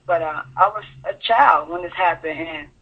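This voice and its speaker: A woman calling in to a radio show, telling her personal story in a halting, earnest way. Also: lowish voice, breathy edge. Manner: halting, earnest, full of fillers. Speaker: caller sharing her story. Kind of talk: personal testimony on call-in radio. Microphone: telephone. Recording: tinny phone line.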